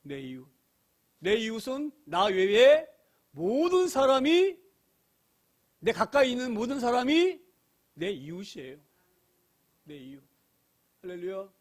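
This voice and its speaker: A man's voice: high voice, big pitch swings, slow pace, pauses often. A middle-aged male pastor preaching a sermon in a church, stressing each point with repeated phrases, rhetorical questions and cries of hallelujah. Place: church sanctuary.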